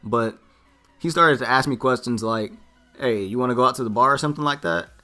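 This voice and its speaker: Young man, vlogger, bright voice, casual storytelling, faint music behind. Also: medium pitch, brisk. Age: young adult. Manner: animated, quoting himself and others in dialogue.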